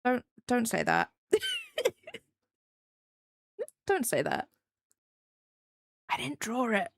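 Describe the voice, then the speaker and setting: A slightly high, creaky female voice swings widely in pitch and moves extremely slowly. The speaker is a young woman from England with a faint Midlands accent, drawing while she chats casually with her live-stream audience, rambling and self-deprecating.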